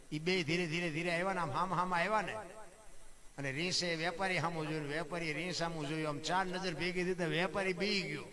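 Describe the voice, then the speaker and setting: Male storyteller, high voice, live stage mic with a crowd behind him, preaching to listeners as "bapu". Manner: keeps addressing listeners as "bapu", asks rhetorical questions. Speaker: folk storyteller. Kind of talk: live folk tale telling with moral preaching. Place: stage before a seated audience. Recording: live audience crowd audible.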